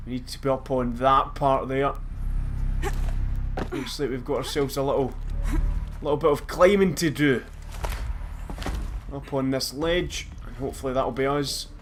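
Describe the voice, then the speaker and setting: A man's voice: medium pitch, a little hiss or hum. Chatty Scottish man commentating a game. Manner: chatty, self-mocking, bursts into loud laughs. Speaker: let's play host. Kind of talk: casual gameplay commentary.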